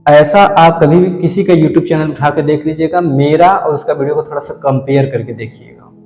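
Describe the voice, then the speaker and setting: Male teacher, high voice, lecturing in a roomy, echoing space; quizzes the class and answers himself. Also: normal speed, warm tone, soft background music. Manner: explains at a board, asks and answers his own questions.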